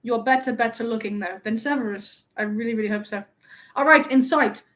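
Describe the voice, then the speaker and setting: A vain, playful young wizard who loves compliments, played by a woman in her own high voice. He teases his viewers and acts wounded when they tease back, keeping up a chatty live-stream role-play. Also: brisk, a bit bright, close to an everyday voice. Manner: playful, teasing, mock-offended. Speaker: livestream host.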